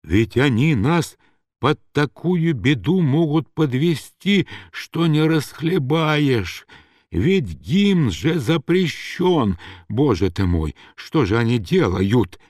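A man's voice: mid-range voice, very animated, slow pace, darkish tone, dry recording, clean studio sound, pitched above the performer's own voice. A man voicing a frightened, whining middle-aged householder who wails and mutters in panic. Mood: panicked.

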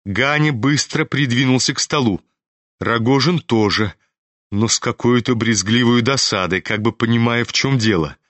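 A man narrating a classic novel in a measured, even storytelling voice. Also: mid-range voice, no room sound. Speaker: audiobook narrator. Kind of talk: literary audiobook narration.

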